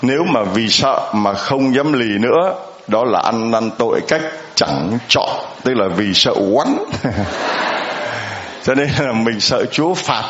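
A man's voice: medium pitch, lively intonation, slow, background noise. Male priest, homily, chatty, questions to the congregation, echoey church, slightly muffled sound. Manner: conversational, asks the congregation questions.

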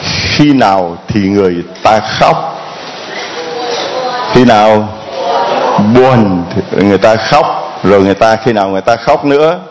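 Vietnamese priest preaching, rhetorical questions. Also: male voice, lowish voice, lively intonation, unhurried, long pauses, crowd noise, low-quality recording. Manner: rhetorical questions answered aloud, quoting parishioners' pleas. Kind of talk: Gospel reading and homily.

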